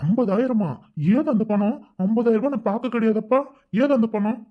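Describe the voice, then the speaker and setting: Brief: a man as a defensive cartoon village father, quick and gruff, muffled recording. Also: extremely high pitch. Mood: indignant. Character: middle-aged village father accused of drinking. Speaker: husband. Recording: dull lo-fi sound.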